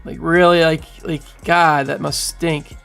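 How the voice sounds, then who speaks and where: A man in his thirties doing casual livestream commentary from home on a boom mic, rambling and animated, full of fillers. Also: a little slow, gravelly, clear, resonant tone, soft background music. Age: 30s. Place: home room. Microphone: studio mic on boom arm.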